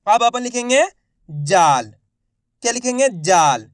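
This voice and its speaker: A man teaches beginners how to spell simple words, stretching each syllable and asking the same question twice before he answers it. His voice sits high and comes through clear. It is recorded close and dry, with no room sound behind it. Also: big pitch swings, takes it slowly, dry recording. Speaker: Hindi teacher. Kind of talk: patient spelling lesson for beginners.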